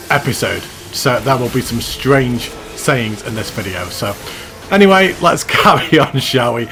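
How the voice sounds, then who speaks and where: A man's voice: on the high side, a bit bright, a little hiss or hum, rough recording. Chatty self-mocking male game host. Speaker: gaming channel host. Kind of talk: game commentary voice-over. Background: background music.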